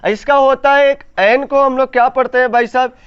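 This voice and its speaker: A male teacher leading a grammar class. He repeats each point as a question to the students and slowly stretches the key words to stress them. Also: very high voice, steady tone, clean tone. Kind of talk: classroom lesson with call-and-response. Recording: slightly dull lo-fi sound.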